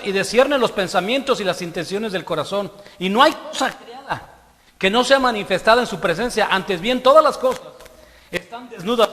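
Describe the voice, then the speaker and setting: Male preacher, high voice, emphatic conversational sermon, long hall reverb. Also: fairly bright tone. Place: church hall.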